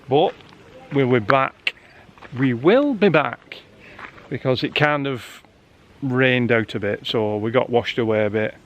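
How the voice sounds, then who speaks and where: A man's voice: medium pitch, slight background noise. A man hosting, giving a chatty, upbeat sign-off outdoors after rain. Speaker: host. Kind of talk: casual video sign-off.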